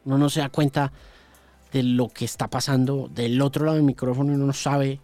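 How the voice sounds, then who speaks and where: A radio host from Colombia, telling stories in an interview, animated and full of repeated words and restarts. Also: male voice, mid-range voice, a little fast, no echo, faint music behind. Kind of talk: storytelling in an interview.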